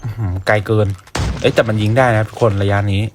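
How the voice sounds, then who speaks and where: A man giving casual, excitable commentary while playing a mobile shooter. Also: fairly low pitch, fast talker. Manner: chatty, excitable, polite particles, exclaims at plays. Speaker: gaming YouTuber. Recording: gunfire noise behind voice. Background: game gunfire and sound effects.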